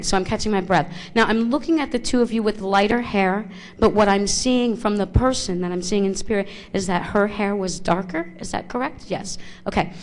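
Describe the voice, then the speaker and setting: A woman doing psychic readings for a live audience in a small theater, holding a handheld mic. She talks in a halting, searching way, stopping and restarting as she works through what she senses. Her voice sits at a middling pitch for a woman. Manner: halting, thinking aloud with many restarts. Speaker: psychic medium. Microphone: handheld microphone.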